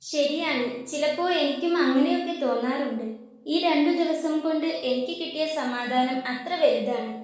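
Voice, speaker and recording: A woman voicing a gentle, soft-spoken young man in a storybook tale, speaking quietly and reassuringly in a very echoey room. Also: high voice, moderate pace, close to an everyday voice.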